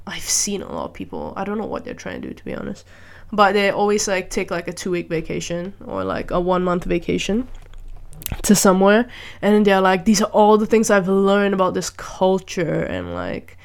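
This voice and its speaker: A woman's voice: mid-range voice, vocal fry. A woman vlogger from Malaysia, talking casually in a rambling way, full of fillers and restarts. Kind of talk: casual monologue.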